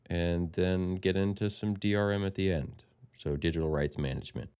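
Nasal, congested low-voiced male podcast host. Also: a little mellow. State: getting over an illness. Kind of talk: casual podcast chat.

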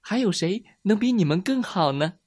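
A man voicing a cheerful little mouse in a children's bedtime story, speaking in a bright childlike way. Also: high voice, expressive, moderate pace, slightly rough, voice pushed up.

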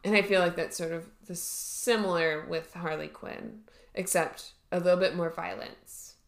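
A woman's voice: lowish voice, fairly even intonation, normal speed, slight background noise. A woman co-hosting a podcast, chatting casually with a hesitant delivery full of fillers and restarts. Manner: hesitant, many fillers and restarts, laughs often. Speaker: podcast co-host. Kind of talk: casual chat. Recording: roomy echo.

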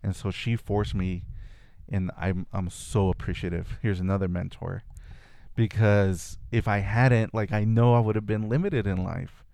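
The man's voice is fairly low, gravelly, dark and smooth, with fairly even intonation and a slightly slow delivery, recorded without echo. Originally a Spanish speaker and now from California, he's a guest in a casual conversation, thoughtfully sharing childhood memories and restarting often.

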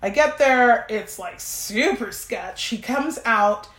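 A woman hosting a podcast, telling a personal story in a casual, animated way, swearing freely and acting out what she and others said. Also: on the high side, takes it slowly. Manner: profane, animated, quoting herself and others. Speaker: podcast host. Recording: roomy echo.

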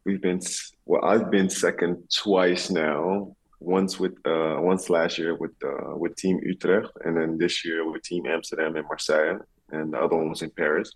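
Male athlete interviewee, extremely low husky voice, reflective and halting. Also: level tone, poor audio. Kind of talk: conversational interview answers.

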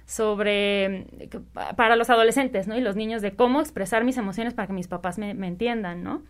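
A woman's voice: medium pitch, brisk. A woman talking about parenting in a casual conversation, rambling and checking in with tag questions. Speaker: parenting speaker.

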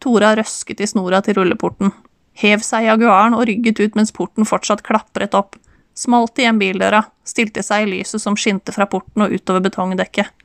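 A woman narrates an audiobook in a calm, measured way. Her voice sits at a middle pitch, and the recording is close and dry, with no room sound. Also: vocal fry, no echo. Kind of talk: scripted narration.

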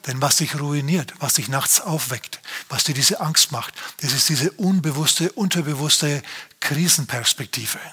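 A man's voice: fairly high pitch, a little slow, pushed and bright, breathy edge. A man preaching a sermon as pastor, speaking earnestly and straight to his listeners.

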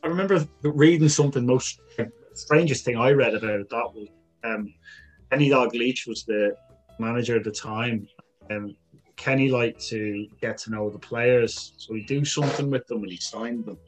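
A man's voice: medium pitch, normal speed, soft background music, rough recording. A man chatting casually and telling anecdotes as a football podcast panellist.

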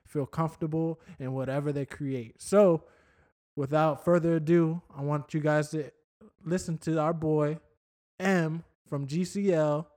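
A man with a voice a little higher than most talks like a frat bro. He is a podcast co-host, bantering casually with plenty of slang and loose swearing. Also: steady tone, a little slow, a little mellow.

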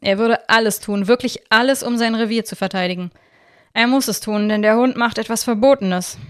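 A woman's voice: a little high, fairly quick, clear, resonant tone, lightly acted. Woman reading a cold, firm man giving warnings. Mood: insistent.

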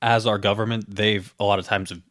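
Man, low voice, dry sarcastic, measured podcast chat, dead-dry sound. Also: flat delivery, a bit bright, no echo. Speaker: podcast co-host. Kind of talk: casual chat.

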